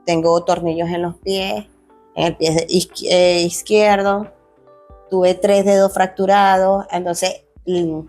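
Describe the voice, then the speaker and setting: Speaking slowly in a lowish, level, slightly mellow voice, a young adult woman recounts her life in an interview while faint music plays behind. She was an athlete and is now a fitness coach, and her emotional, earnest storytelling features frequent restarts and acted-out quoted dialogue.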